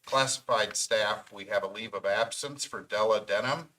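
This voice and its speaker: A man's voice: lowish voice, moderate pace, sharp tone, a little hiss or hum, poor audio. A man chairing a school board meeting, reading names from a list with frequent ums and slightly out of breath.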